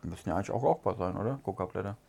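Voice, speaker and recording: A man, co-hosting a casual cigar review chat, relaxed and musing with fillers. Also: lowish voice, racing, creaky. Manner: relaxed, chatty, muses with fillers. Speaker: podcast co-host.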